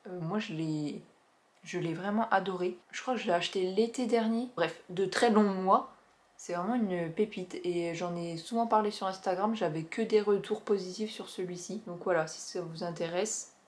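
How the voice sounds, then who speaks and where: A young woman talking casually to camera about skincare products she has used up, chatty and enthusiastic, with many filler pauses. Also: fairly low pitch, darkish tone. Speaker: beauty vlogger reviewing finished products. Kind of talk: casual product review vlog.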